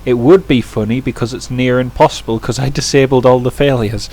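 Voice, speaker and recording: This is casual live-stream commentary over a flight simulator from a man who answers viewer chat and keeps restarting his sentences mid-thought. His mid-range voice is steady, brisk and a little mellow.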